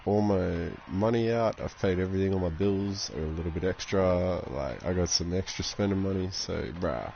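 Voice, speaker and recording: A man's voice: low voice, normal speed, vocal fry, hardly any pauses, mellow, dull audio, slight background noise. A young man chatting casually on a game live stream, rambling and swearing constantly.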